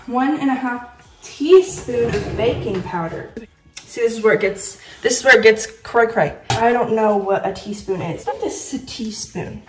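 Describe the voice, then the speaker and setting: A woman's voice: fairly high pitch, normal speed, recorded from a distance. A teenage girl chatting casually as she bakes in her home kitchen, rambling and poking fun at herself, filmed on a phone camera. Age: teens. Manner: chatty, self-mocking, rambling. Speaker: vlogger. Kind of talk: casual baking vlog. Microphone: phone camera at a distance. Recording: roomy kitchen, off-mic, music.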